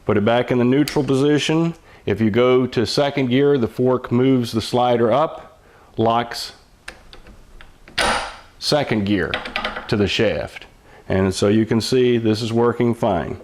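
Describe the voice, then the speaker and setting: With slight background noise behind him, this older mechanic explains the hands-on job in patient, homespun, plain terms, step by step like a veteran machinist. His voice is mid-range, darkish and unhurried.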